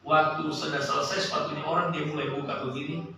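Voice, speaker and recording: A man preaching a sermon and telling a personal story, with an animated voice that climbs and sinks sharply. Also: a little high, fast, creaky, a little hiss or hum. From Sulawesi, Indonesia. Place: church service hall. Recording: echoey church hall, from a distance.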